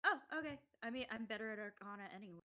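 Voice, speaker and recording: A woman's voice: a little high, very fast, bright, forceful tone. A woman playing a tabletop role-playing game, speaking casually and rather hesitantly in character and out. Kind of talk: casual role-play chat.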